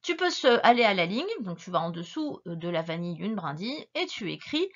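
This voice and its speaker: A woman teacher giving a slow dictation lesson to a young child, patiently stretching words and spelling them out letter by letter. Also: on the low side, very animated, fairly bright tone, muffled recording.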